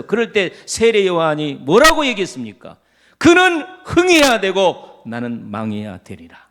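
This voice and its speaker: Male pastor, fairly high voice, sermon with call-and-response and acted-out quotes. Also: fairly bright tone. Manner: leads the congregation in call-and-response, acts out quoted lines.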